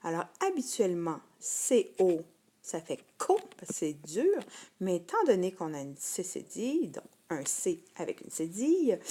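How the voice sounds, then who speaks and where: Slow, patient Québécois woman teacher. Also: on the low side, a little mellow. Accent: Québécois French. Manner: patient, spells sounds out and repeats each word twice. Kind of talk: slow, patient phonics lesson for first graders.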